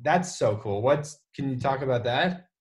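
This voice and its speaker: A man's voice: mid-range voice, animated, normal speed. Enthusiastic male podcast host. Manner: enthusiastic, brief reactions. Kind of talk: casual interview.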